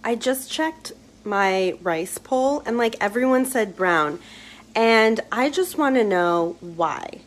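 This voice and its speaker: Slow, chatty woman cooking at home. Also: on the high side, lively intonation. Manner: chatty and enthusiastic. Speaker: home cook. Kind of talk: casual cooking vlog. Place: home kitchen. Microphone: phone held in hand.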